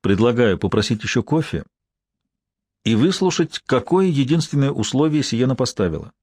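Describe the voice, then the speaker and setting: A man reading an audiobook voices a male professor who argues calmly and persuasively. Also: medium pitch, normal speed, no echo, studio quality.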